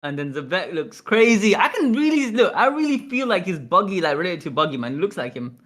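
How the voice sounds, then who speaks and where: A man hosting a livestream, chatting casually and reading along, excitable, repeating himself and stumbling over words. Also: sits high, brisk. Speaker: livestream host. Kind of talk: casual chat and manga read-along.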